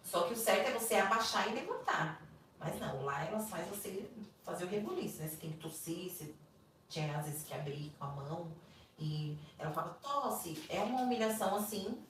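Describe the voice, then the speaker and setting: A woman's voice: on the low side, lively intonation, brisk. A woman with a Brazilian Portuguese accent, a podcast guest telling a personal story with animation and acting out the voices of the people in it. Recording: echoey room, distant mic, faint noise.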